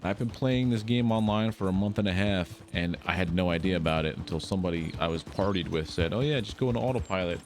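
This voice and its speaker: A game streamer with a low voice talks fast, barely pausing, as he gives casual, playful live commentary. He often talks to himself while playing, over video game ambience and the sound of horse hoofbeats.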